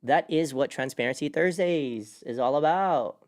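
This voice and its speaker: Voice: medium pitch, moderate pace, a little mellow. A host of a casual livestream podcast, playful and hyped, laughing often and joking with the crew.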